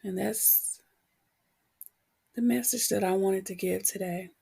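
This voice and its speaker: Still getting over a cold, a female motivational coach records a reflective solo podcast episode, her husky voice prone to cracking. She sounds mellow and steady at a medium pitch, unhurried and candid, with pauses between brief phrases.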